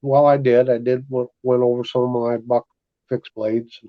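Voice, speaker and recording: A man's voice: medium pitch, level tone, normal speed. A man hosting a casual chat, talking in an easygoing, conversational way. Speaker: host. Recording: slightly dull audio.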